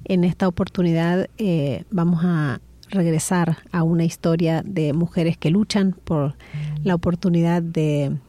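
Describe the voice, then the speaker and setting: A woman hosting a radio interview, speaking in a measured way with frequent fillers. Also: fairly low pitch, fairly even intonation, dark tone, no echo.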